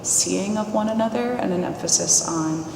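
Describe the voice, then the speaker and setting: A woman's voice: mid-range voice, moderate pace, creaky. A woman, a dance teacher, reflecting in an interview and searching for words as she thinks aloud. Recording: echoey hall, distant, noisy.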